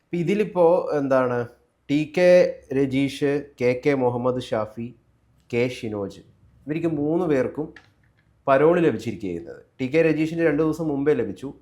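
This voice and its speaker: A man, an interviewer putting questions in a measured way and reading out lists of names. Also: mid-range voice, expressive, warm tone. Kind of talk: political interview.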